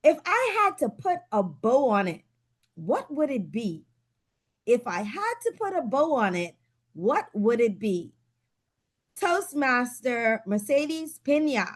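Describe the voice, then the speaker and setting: A woman with a high voice speaks slowly and with care, leading a club meeting over a video call. She sounds upbeat and playful. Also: big pitch swings. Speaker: Table Topics master at a club meeting.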